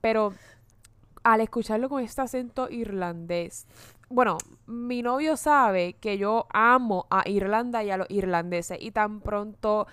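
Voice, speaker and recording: A woman chatting about a film on a podcast, animated, swearing freely and dropping English words into her talk. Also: mid-range voice, a little slow, smooth, no echo. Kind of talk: casual film review chat.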